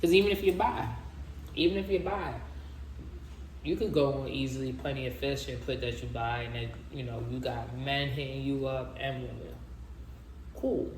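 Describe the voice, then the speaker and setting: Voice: medium pitch, steady tone, normal speed. A video host chatting casually and informally to viewers, with lots of slang and direct address. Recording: roomy echo with faint background noise.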